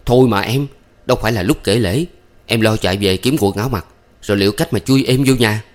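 A man's voice: lowish voice, a little fast, lightly acted. A man reading a story, voicing a young village man who scolds and hurries his lover. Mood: urgent. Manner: urgent, scolding.

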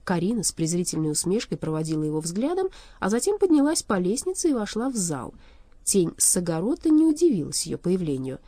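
A woman narrating a fairy-tale audiobook in an expressive, even manner. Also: lowish voice, brisk. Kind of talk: storybook narration.

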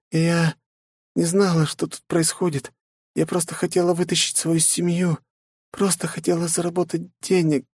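A man's voice: a little high, creaky, darkish tone, breathy edge, no echo, studio quality, voice pushed up, full character voice. A man voicing a wounded, dying woman scientist who speaks breathlessly and faintly, pleading.

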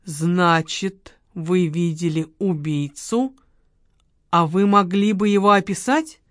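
A woman voicing a shrewd, calm male investigator who questions firmly and patiently. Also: lowish voice, slow pace, no room sound, clean studio sound. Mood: calm questioning.

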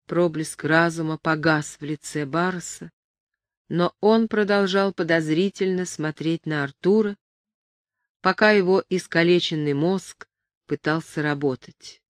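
A woman reading a novel aloud as the narrator, in an even, measured way. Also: on the low side, dry recording, studio quality. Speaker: audiobook narrator.

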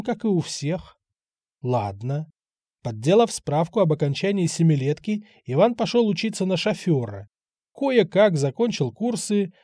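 A man narrating a novel in a measured, unhurried storytelling manner. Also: a little high, mellow, no room sound, studio quality. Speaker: audiobook narrator. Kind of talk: novel reading.

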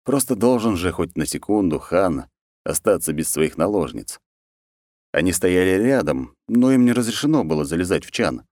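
A man's voice: sits low, expressive, normal speed, a little mellow, dry recording. Male audiobook narrator, mocking and wry, dry delivery. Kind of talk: scripted narration.

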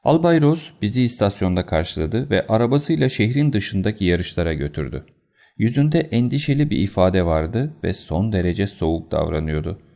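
A man with a deep, gravelly voice narrates an audiobook with a steady storytelling delivery. His tone is dark and mellow. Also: moderate pace.

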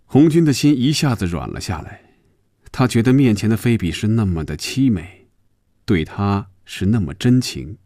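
A man narrating a story in an expressive, measured storybook radio reading. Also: lowish voice, no echo, studio quality.

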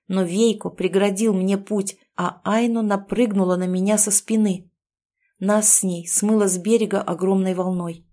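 A woman narrating a first-person audiobook in a steady, expressive storytelling manner. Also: mid-range voice.

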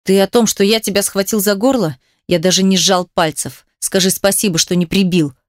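A woman voicing an enraged jealous man who accuses his partner harshly and swears roughly. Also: mid-range voice, a little fast, dry recording, studio quality, natural voice. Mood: furious.

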